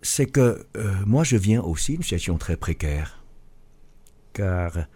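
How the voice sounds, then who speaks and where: Earnest man with a low husky voice. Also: lively intonation, dark tone. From Vietnam. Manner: earnest, halting with restarts. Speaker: author and business leader. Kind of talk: radio interview answer.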